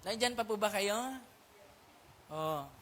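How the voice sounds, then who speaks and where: Animated male pastor preaching. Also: high voice, takes it slowly. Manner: keeps asking if listeners are still there; mixes English words into speech. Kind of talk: sermon. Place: church prayer meeting.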